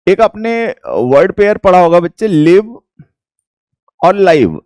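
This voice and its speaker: An English teacher from India with an Indian accent, explaining a lesson slowly and repeating each point. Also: male voice, high voice, very animated, a little mellow, no room sound, clean studio sound.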